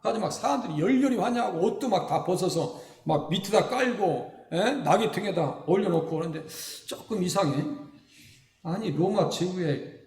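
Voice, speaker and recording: A man from South Korea delivers a lively, folksy sermon in a high voice. He keeps asking the congregation questions and playfully acts out the people he describes. Everything rings through a church sanctuary with a long, echoing reverb. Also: moderate pace. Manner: folksy, animated preaching with rhetorical questions to the congregation. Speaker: pastor. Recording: echoey hall with long reverb.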